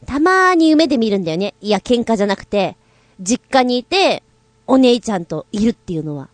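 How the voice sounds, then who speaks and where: High, bubbly woman host. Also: big pitch swings, brisk, no room sound. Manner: playful and chatty, with light self-mocking asides. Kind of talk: casual chat.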